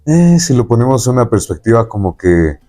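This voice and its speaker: A man's voice: mid-range voice, big pitch swings, brisk, mellow, faint music behind. A man with a Mexican accent hosting a conversational interview, talking in a rambling way and often checking in with tag questions. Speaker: podcast host interviewing a guest.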